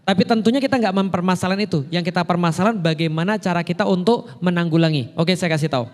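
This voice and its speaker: A man's voice: sits high, quick pace, in a large hall. A man preaching to a congregation in a casual, conversational way, asking and answering his own questions. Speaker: Islamic preacher. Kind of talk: casual religious talk to a congregation.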